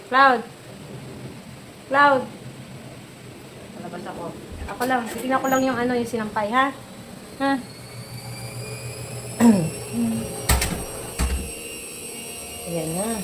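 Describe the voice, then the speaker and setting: A woman's voice: a little high, expressive, extremely slow, long pauses, noisy background. A woman from the Philippines, feverish and unwell, vlogging at home and coaxing her cat in playful baby-talk with frequent giggles. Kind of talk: casual home vlog talk. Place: at home indoors.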